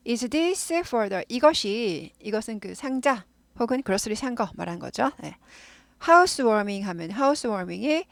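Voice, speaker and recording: A woman's voice: a little high, animated, vocal fry, dry recording. Woman teaching English phrases patiently. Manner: patient, repeats words slowly to model pronunciation. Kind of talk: explaining English phrases in a lesson.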